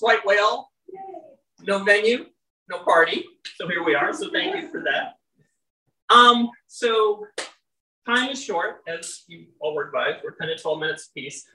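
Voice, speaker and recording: A loud, wry poet with a medium-pitched voice reads their own work to a live audience indoors, chatting casually between poems and reading slowly and deliberately. Frequently off the stage microphone, the recording comes across roomy and distant.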